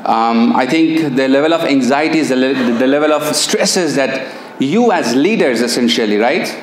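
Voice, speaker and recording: In an echoey seminar room with a projector screen and a faint hum, a Pakistani-accented NLP trainer and coach, Persian by first language, presents live through a handheld microphone. His mid-range voice is animated at a normal speed, and he keeps things chatty and engaging by asking the audience questions.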